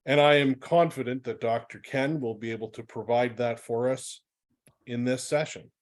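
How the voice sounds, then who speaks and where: A man hosts an online webinar over a computer mic, talking in a mid-pitched voice. He introduces the presenter in a friendly, upbeat way, with the odd "uh" along the way. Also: steady tone, moderate pace. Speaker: webinar host.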